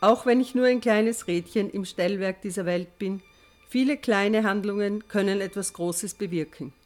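An older woman speaks clearly and persuasively in a scripted appeal. She poses everyday questions to the listener. Faint music plays behind. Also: medium pitch, moderate pace, darkish tone. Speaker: elderly climate activist.

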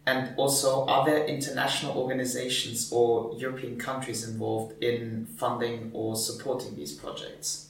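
A man's voice: mid-range voice, flat delivery, normal speed, hardly any pauses. A man moderating a discussion, putting questions to guests. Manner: asks questions, soft backchannels. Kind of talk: panel discussion. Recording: echoey, distant mic, faint noise.

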